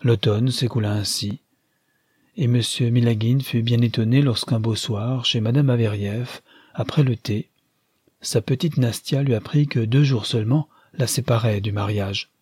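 A man narrating a novel aloud in an even, measured reading voice, close to the mic. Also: medium pitch, breathy edge, no room sound. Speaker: audiobook narrator. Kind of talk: scripted narration.

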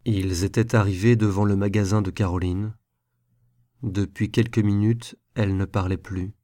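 A man narrates a classic novel aloud in a low, dark, mellow voice. His reading is measured and even. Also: dry recording, studio quality. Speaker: reader.

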